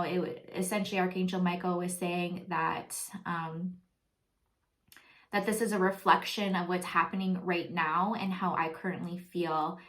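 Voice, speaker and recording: A woman's voice: mid-range voice, a bit bright. A woman from Canada in casual spiritual talk, rambling with many ums and likes as she recounts a dream. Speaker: spiritual vlogger.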